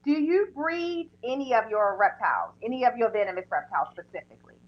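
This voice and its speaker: A woman's voice: a little high, animated, fairly quick. A woman hosting a casual interview show in a chatty, informal way. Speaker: podcast host. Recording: dull lo-fi audio.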